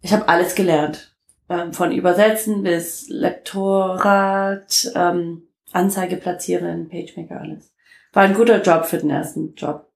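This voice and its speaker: A woman in her fifties from the United States with an American accent, telling her story in a relaxed interview and pausing often to search for words. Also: lowish voice, gravelly, reverberant, rough recording. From United States (Detroit). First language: English. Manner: halting, many fillers, laughs often. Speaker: interview guest. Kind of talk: casual interview talk.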